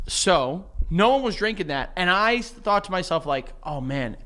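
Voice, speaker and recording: Man, podcast co-host, casual chat, excitable, bright tone, lively pitch. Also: moderate pace. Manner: excitable, protesting, loud bursts.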